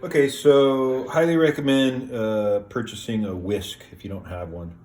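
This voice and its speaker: A man hosting a casual cooking video in a home kitchen, talking step by step in a relaxed, plain way with many "uh"s and "um"s. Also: medium pitch, a little slow. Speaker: home cooking show host.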